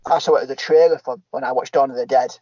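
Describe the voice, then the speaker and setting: A man's voice: mid-range voice, fairly even intonation, quick pace, dark tone, no room sound. Man, hesitant, dry close sound, muffled lo-fi. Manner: hesitant, repeats himself. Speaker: podcast co-host. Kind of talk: casual film chat.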